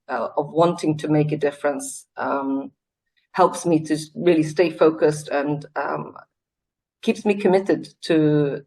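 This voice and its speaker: Over a video call with poor audio, a Swedish-born CEO from Sweden speaks in a casual interview. Her voice sits low, and she comes across earnest and reflective, with many fillers and restarts.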